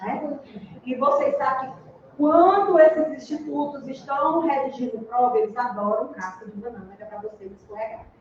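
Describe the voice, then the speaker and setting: High-voiced teacher in echoey hall. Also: female voice, fairly even intonation, moderate pace. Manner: explains step by step, asks "né?" and "entendeu?". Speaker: Portuguese teacher. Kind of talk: exam-prep lecture. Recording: echoey room, distant dull mic.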